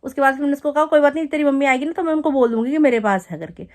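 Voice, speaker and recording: Chatty high-voiced woman vlogger. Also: racing. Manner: chatty, animated retelling with acted-out quotes and laughter. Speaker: family vlogger. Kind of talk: casual storytelling to camera.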